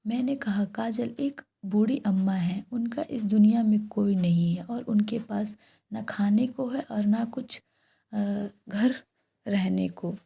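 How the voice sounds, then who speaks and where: A woman's voice: mid-range voice, slow pace, vocal fry, dark tone, husky. A woman whispering a first-person horror story throughout.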